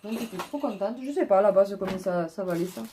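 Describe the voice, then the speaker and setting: A woman's voice: medium pitch, lively intonation, fast talker, dark tone, slight background noise. A woman chatting casually at home as she shows her purchases one by one to viewers. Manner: chatty, talks her viewers through each item. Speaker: haul vlogger. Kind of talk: casual chat, showing purchases to camera.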